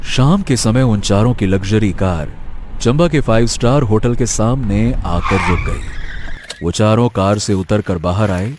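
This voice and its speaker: A man narrating a scripted story in a steady storytelling manner. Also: lowish voice, unhurried, slight background noise.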